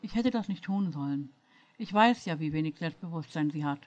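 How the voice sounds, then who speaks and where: A woman's voice: low-pitched, lively intonation, fairly quick, a little mellow, highs cut off. Q, a woman reading as a contrite immortal. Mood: apologetic. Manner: soothing, apologetic. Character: remorseful flirtatious male immortal husband.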